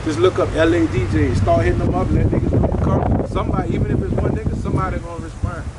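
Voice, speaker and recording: A man's voice: sits high, level tone, quick pace, very noisy. A man with a New Orleans accent giving emphatic, repetitive motivational career advice in casual street slang. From New Orleans, USA.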